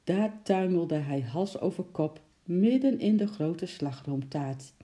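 Reading slowly in a mid-range voice, a storyteller brings a children's book to life, performing its sound words expressively as the story unfolds.

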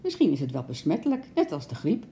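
A woman's voice: fairly low pitch, big pitch swings, moderate pace, creaky, background noise. Woman voicing Lotje, an anxious little girl. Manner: anxious, eager questions. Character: worried, headstrong young girl.

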